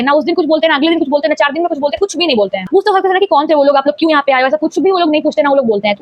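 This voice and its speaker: A young woman races through a spooky personal storytime in a high voice, piling up repeated phrases for emphasis. The sound is dry and close, a little dull, as if from a modest home recording. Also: no room sound. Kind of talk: casual storytime.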